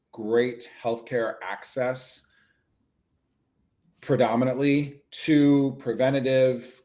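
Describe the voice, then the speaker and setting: Chatty, animated man talking freely. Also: medium pitch. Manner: chatty, animated, lots of "like" asides. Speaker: HIV clinician and advocate. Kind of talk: casual live-stream conversation.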